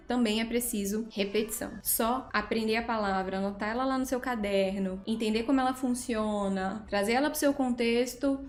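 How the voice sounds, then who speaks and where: A Brazilian woman, an English teacher giving an online masterclass, talking in a lively, encouraging, casual way. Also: fairly high pitch, reverberant. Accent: Brazilian Portuguese.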